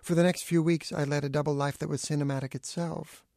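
Brief: middle-aged male author, dry acerbic essay reading, gravelly edges, dead close dry mic. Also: a little high, fast, no echo. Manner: acerbic, deadpan wit.

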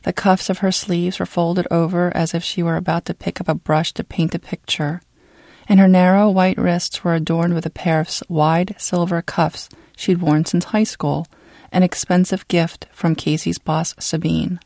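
An audiobook narrator delivers a scripted literary story in a measured, dramatic way, at a medium pitch and level tone, slightly mellow. The recording is close and dry, with no room sound.

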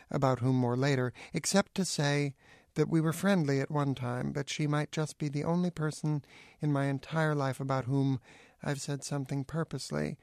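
A middle-aged man reading his own essay aloud with acerbic, deadpan wit. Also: fairly high pitch, gravelly, no room sound, studio quality. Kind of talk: dry witty essay reading.

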